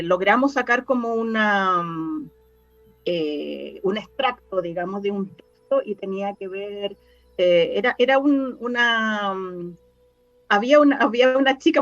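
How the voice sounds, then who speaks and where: A Chilean woman, a scriptwriter and radio drama researcher, answers interview questions conversationally, hesitating, searching for words and often repeating herself. Her voice is medium-pitched with no room sound, and the recording is dull and lo-fi with faint music behind her.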